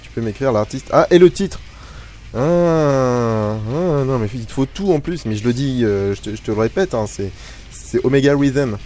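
A man's voice: medium pitch, lively intonation, moderate pace, warm tone. A man hosting a casual live web radio show, rambling and self-mocking with lots of hesitations, talking over a music bed. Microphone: studio microphone. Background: faint music bed.

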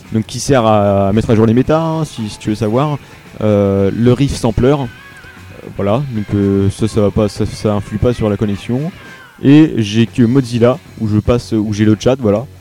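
Hesitant young French radio host. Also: male voice, fairly low pitch, warm tone. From Paris region, France. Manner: hesitant, many fillers and restarts. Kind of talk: casual live radio chat.

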